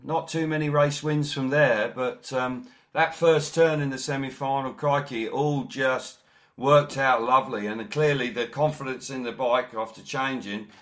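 A man's voice: medium pitch, fairly bright tone. Enthusiastic male sports interviewer. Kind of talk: conversational sports interview with race recaps.

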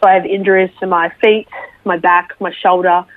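A woman's voice: on the low side, flat delivery, a little fast, dry recording. Australian woman on a tinny phone line. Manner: soft-spoken, reflective, many fillers. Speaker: guest, military veteran. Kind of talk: personal testimony interview.

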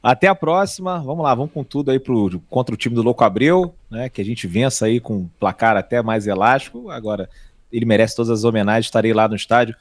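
A man's voice: mid-range voice, quick pace, no room sound. A man chatting as a panelist on a casual sports podcast, joking with fan enthusiasm.

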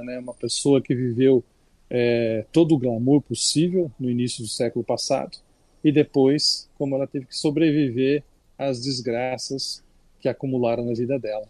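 This older culture critic from Brazil speaks at medium pitch with no echo. He's on a radio segment, talking in a loose, chatty Brazilian Portuguese way and often starting his sentences over.

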